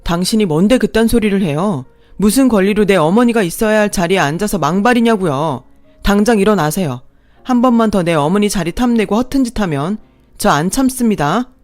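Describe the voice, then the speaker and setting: A woman's voice: mid-range voice, expressive, brisk, a little mellow, no room sound, soft background music, close to an everyday voice. A woman voicing an angry young husband who speaks in a firm, stern manner.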